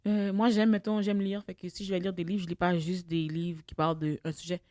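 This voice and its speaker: A woman with a Québécois French accent co-hosting a casual podcast chat, emphatic and animated as she tells stories. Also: lowish voice, a little fast, no room sound, clean studio sound. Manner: emphatic, animated storytelling with bursts of loud laughter. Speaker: podcast co-host.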